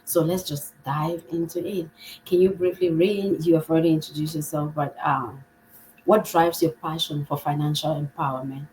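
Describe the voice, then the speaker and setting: A woman's voice: low voice, fairly even intonation, normal speed, darkish tone, a little hiss or hum, poor audio. A woman hosting a live podcast, upbeat and welcoming, now and then restarting her words. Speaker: podcast host.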